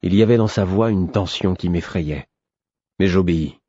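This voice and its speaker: Deep, husky male audiobook narrator. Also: moderate pace, warm tone, no echo, lo-fi sound. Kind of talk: scripted first-person narration.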